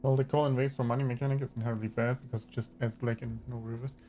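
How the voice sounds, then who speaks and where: A man giving casual gameplay commentary, thinking aloud with hesitant pauses. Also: medium pitch, little pitch movement, warm tone. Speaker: gamer commentating on own play. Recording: faint game music behind voice. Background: video game music and unit voices.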